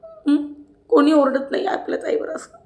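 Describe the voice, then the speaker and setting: A woman acting out a hurt woman who pleads and complains that a younger housemate shouted at her. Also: high-pitched, normal speed, reverberant, voice pushed up, lightly acted. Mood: hurt, pleading. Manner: pleading, indignant, tearful.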